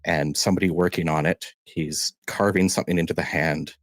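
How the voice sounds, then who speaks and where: A man narrating a tabletop game as game master, halting and restarting as he describes scenes. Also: deep voice, fairly even intonation, dry recording, clean studio sound.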